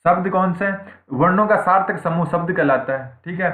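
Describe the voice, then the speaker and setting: A man teaching an online grammar lesson, his voice sitting a little high for a man. He repeats each point and answers his own questions, checking in constantly with his students. The sound is tinny and phone-like, bouncing around an echoey room. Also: brisk. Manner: frequent "theek hai" checks. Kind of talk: online exam-prep lesson.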